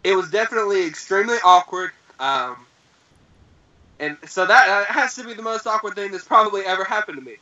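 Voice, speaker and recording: Excitable man, bright lo-fi voice. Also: high-pitched, brisk. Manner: excitable, acts out every voice in the story. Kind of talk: animated storytelling. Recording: dull lo-fi recording.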